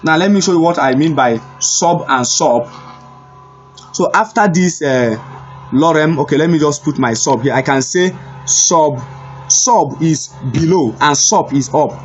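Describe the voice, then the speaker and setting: A man giving a screen-recorded web development lesson, unhurried and repetitive, thinking aloud as he types. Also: fairly high pitch, lo-fi sound, faint music behind. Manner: unhurried, repeats himself, thinks aloud while typing. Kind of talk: screen-recorded coding tutorial.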